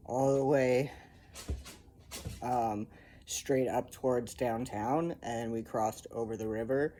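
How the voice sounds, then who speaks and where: A man's voice: medium pitch, dark tone, a little hiss or hum. A young man casually telling a rambling personal update from home, full of ums and likes. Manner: rambling, filler-heavy storytelling. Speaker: vlogger. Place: home, indoors. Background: faint animal noises.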